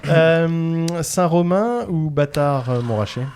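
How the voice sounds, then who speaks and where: A man's voice: a little high, lively intonation, slow pace, darkish tone. A man hosting a casual podcast, playfully quizzing his guest with either-or questions. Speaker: podcast host.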